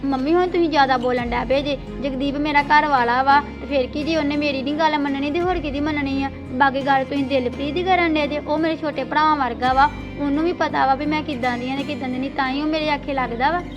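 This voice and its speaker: A woman's voice: sits high, fairly even intonation, quick pace, few pauses, highs cut off, over music, lightly acted. Woman playing a wronged young daughter-in-law. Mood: pleading. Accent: Punjabi. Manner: pleading, defensive. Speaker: actor in family drama.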